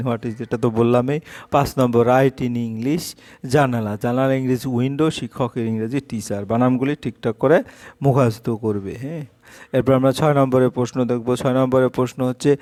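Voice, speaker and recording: Man, teacher, patient counting aloud, mixes English phrases, mid pitch. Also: a little mellow. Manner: switches between Bengali and English phrases. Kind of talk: explaining a lesson.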